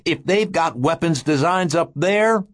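A man voicing a big, agitated, blustering man who talks in a husky, urgent voice. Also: fairly high pitch, animated, a little slow, pitched above the performer's own voice. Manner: shouting, urgent, withering.

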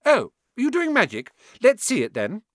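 A man voicing a bossy know-it-all schoolgirl of eleven who talks very fast. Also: very high-pitched, huge pitch swings, dry recording, studio quality, pitched above the performer's own voice, full character voice. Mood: bossy, eager.

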